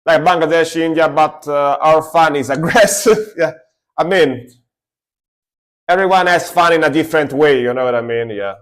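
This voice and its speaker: A man's voice: a little high, moderate pace. Male streamer, enthusiastic, rambling, jokey reaction commentary. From Italy. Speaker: streamer reacting to metal music.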